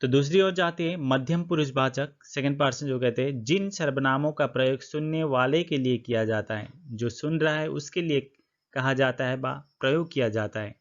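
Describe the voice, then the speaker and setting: Male teacher, mid pitch, patient step-by-step explainer, slightly dull recording. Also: moderate pace. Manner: explains step by step, repeats points, asks and answers his own questions. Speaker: Hindi grammar teacher. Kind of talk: classroom-style grammar lesson.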